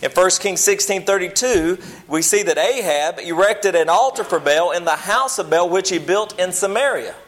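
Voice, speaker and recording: A man with a fairly high, slightly bright voice preaches a Bible lesson to a church group at a normal pace, barely pausing. His style is folksy, plain-spoken and humble, and he often rephrases himself as he teaches.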